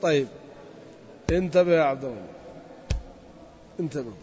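A man with a high voice teaches a grammar class and keeps quizzing his students. He stretches the example words out slowly. The recording is dull, with a long reverb from the classroom. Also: darkish tone, a little hiss or hum. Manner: drills students with questions, drawls out example words. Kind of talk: classroom lesson.

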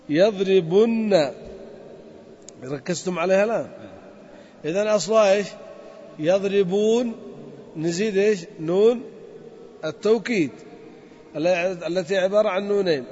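A man with a high voice teaches a grammar class and keeps quizzing his students. He stretches the example words out slowly. The recording is dull, with a long reverb from the classroom. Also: darkish tone, a little hiss or hum. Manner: drills students with questions, drawls out example words. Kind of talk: classroom lesson.

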